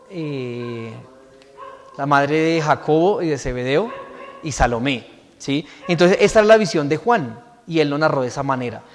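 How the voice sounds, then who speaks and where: A male pastor preaching in a church, reading scripture aloud and unpacking it verse by verse. His voice sits a little high for a man and trails off with a long hall reverb. He keeps checking in with his listeners as he goes. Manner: reads scripture aloud and explains it, asking "¿sí?" to the congregation. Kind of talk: sermon.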